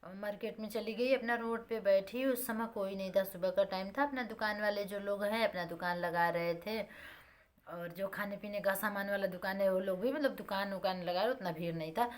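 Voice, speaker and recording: A young woman vlogger recounts a personal story for her followers. Her voice sits at an ordinary middle pitch, and she tells it plainly, circling back over the same points and calling her viewers friends. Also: steady tone, brisk.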